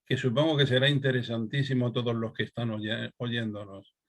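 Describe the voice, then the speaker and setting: A man's voice: medium pitch, level tone, brisk. A middle-aged man from Spain hosting an interview in a courteous manner, often repeating words. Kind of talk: casual interview chat.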